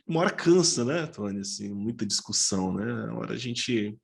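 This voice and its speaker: A man in casual conversation, talking in an unhurried, rambling way. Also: on the low side, lively intonation, gravelly.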